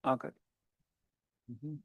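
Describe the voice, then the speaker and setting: A man's voice: brisk, a bit bright, no echo. A man with an Indian accent giving live surgical commentary as the operating surgeon, with terse, clipped instructions to assistants.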